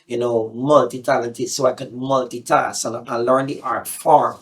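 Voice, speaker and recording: A middle-aged Guyanese man recounts his past in a loose, easygoing ramble, circling back with little fillers as he goes. His voice sits at an ordinary, middle pitch for a man. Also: moderate pace. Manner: relaxed, rambling, with frequent fillers and restarts. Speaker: singer being interviewed. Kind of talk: casual interview storytelling.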